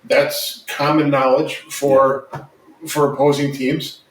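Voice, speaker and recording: Male podcaster, mid-pitched, casual emphatic sports talk, roomy sound. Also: flat delivery, takes it slowly, far from the mic, slight background noise. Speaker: podcast host, former football player. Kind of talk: casual conversational commentary. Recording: echoey room, off mic.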